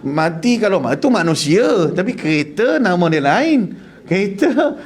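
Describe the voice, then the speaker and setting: Male Quran teacher, animated and joking, pitch swinging widely. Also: unhurried, slightly rough. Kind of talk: humorous religious class.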